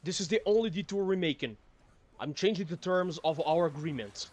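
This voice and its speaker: A man's voice: on the high side, fairly quick. Grumbling, foul-mouthed man streaming a game. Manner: profane, grumbling, sardonic. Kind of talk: casual gameplay commentary. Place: home apartment.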